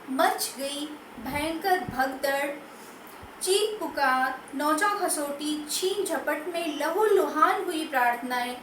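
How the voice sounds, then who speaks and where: A high-voiced woman poet reads her verse slowly and with care. She sits away from the mic, so her voice rings in an echoey room with faint noise underneath. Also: fairly bright tone, recorded from a distance. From Madhya Pradesh, India. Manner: slow, measured reading. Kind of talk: poetry recitation.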